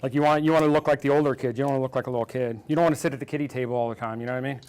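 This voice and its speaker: Bantering casually as he bakes, this baking show host in his forties pokes fun at his guest. His mid-range, slightly mellow voice holds a steady tone and comes out rapid-fire.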